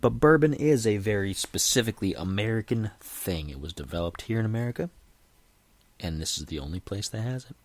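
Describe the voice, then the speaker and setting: A man's voice: fairly low pitch, expressive, brisk, no room sound. A man hosting a podcast in a casual, digressive monologue, earnestly reassuring his listeners and often restarting his sentences. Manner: chatty, digressive, often restarts and self-corrects. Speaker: podcast host.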